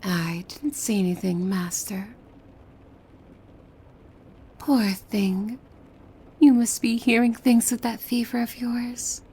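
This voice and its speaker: In a scripted ASMR roleplay monologue to the listener, a woman plays a possessive, devoted young demon maid who is sweetly menacing, coy, and formal. Her voice is soft, breathy, and fairly high, with a steady tone and measured pace, often slipping into whispers.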